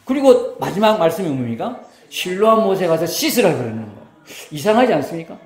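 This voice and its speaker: A man's voice: sits high, fairly quick, faint music behind. A middle-aged man, preaching a sermon as pastor, talking with the congregation and acting out quotes. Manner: lively, talks with the congregation, acts out quotes. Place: church sanctuary. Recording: roomy church hall.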